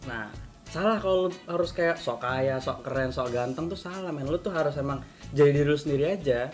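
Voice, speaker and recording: A young man with a Jakarta accent talks briskly as a casual guest. He leans on slang and doubles up his phrases, while music and a frying sizzle play behind him. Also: fairly high pitch. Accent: Jakarta Indonesian. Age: young adult. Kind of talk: casual chat.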